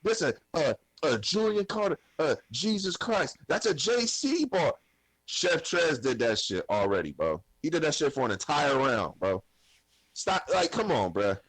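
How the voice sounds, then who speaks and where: A man giving a casual podcast recap, animated and profane, ranting insistently. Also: fairly high pitch, a little slow, slightly rough, no room sound, low-quality recording. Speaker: podcast guest.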